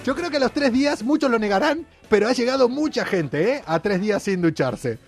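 A man's voice: very high voice, lively intonation, fairly quick, vocal fry, faint music behind. A man with an Argentine accent hosting a casual radio chat show, joking and laughing often. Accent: Argentine Spanish. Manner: joking, laughs often, sometimes sings lines.

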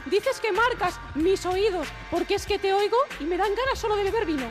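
Woman as a mocking rap-battle champ, squeaky high voice, rhymed insults. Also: brisk, over music. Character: cutting rap-battle champion, quick with comebacks. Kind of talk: comic radio sketch.

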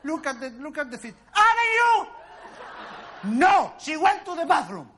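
An actor playing a muddled doctor who rambles through wordplay in a comedy sketch, giggling and mock-lecturing. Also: male voice, very high-pitched, sing-song, a little slow, pushed and bright, a faint crowd, a little hiss or hum, exaggerated voice.

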